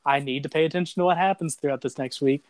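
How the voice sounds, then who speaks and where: A man's voice: fairly high pitch, quick pace. Blunt, swearing man on a noisy recording. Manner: profane, blunt. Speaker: podcast host. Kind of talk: casual sports podcast banter. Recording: clear background noise.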